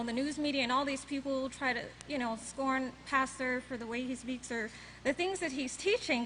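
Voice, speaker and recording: A woman's voice: high voice, pushed and bright, a little hiss or hum. A woman giving an earnest testimony speech at a church service, quoting scripture. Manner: earnest, reads scripture aloud. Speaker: congregation speaker. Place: church hall.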